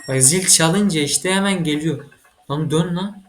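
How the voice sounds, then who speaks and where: A man giving casual let's-play commentary as he plays a computer game, excitable and quick to get frustrated, swearing at the game. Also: on the high side. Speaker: gaming channel host.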